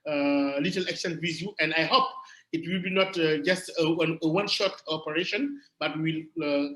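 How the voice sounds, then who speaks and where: Man, French accent, English not his first language; bright, higher voice; halting delivery with frequent restarts; echoey room. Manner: halting, searching for words, many restarts. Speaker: panelist. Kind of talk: remote panel talk.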